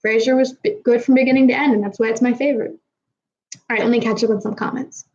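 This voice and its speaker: This young woman from Kazakhstan talks fast in a fairly high, steady, slightly mellow voice, heard through lo-fi sound. A bit tipsy, she chats with her live audience, rambling, swearing freely and stumbling over R's.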